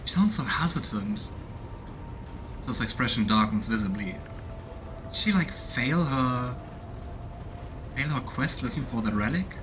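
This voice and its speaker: A let's-play streamer in his thirties, in a small room at home with a noisy background, casually and curiously comments on a game, reading text aloud and musing. His mid-range voice has lively intonation, a measured pace and long pauses.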